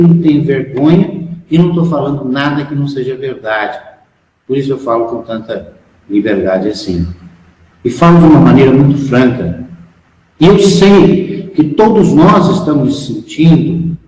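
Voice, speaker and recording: Brazilian guy preaching to his followers, higher voice that swings up and down a lot, very frank. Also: darkish tone. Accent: Brazilian Portuguese. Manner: frank, emphatic, asks the audience rhetorical questions. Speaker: spiritual instructor. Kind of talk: spiritual lecture to followers. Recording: echoey hall, long reverb.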